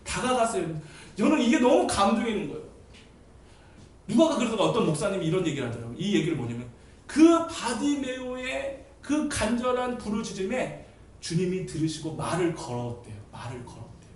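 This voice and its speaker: A man pastor preaching a sermon in a church, telling the story with animated delivery and sudden shouts. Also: high-pitched, fast talker. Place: church sanctuary. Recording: echoey church hall, distant mic.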